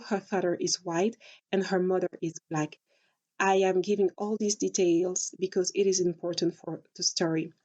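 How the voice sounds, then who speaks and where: A woman's voice: lowish voice, darkish tone. A woman hosting her own commentary channel, talking through a news story and asking pointed rhetorical questions in disbelief. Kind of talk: opinion commentary to camera.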